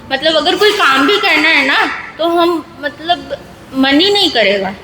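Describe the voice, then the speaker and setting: A woman with a high voice tells a simple moral story to a seated audience, stopping to ask them questions. She speaks in a large hall with a long echo. A faint hum runs underneath. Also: bright, forceful tone. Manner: questions the listeners, simple conversational telling. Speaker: speaker at a religious gathering.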